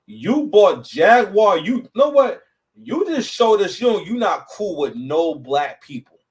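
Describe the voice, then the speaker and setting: A man hosting a podcast, reacting to clips in a rambling, mocking, animated way. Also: sits high, measured pace, far from the mic, rough recording. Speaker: podcast host. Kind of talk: casual reaction commentary.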